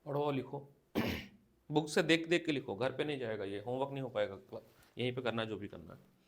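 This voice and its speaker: Male physics teacher, slow repeated dictation, direct coaching, classroom lecture. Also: medium pitch, vocal fry.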